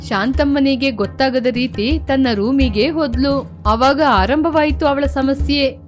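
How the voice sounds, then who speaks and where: A woman narrating an animated moral story in a plain, even storytelling manner. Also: high-pitched, a little slow, soft background music.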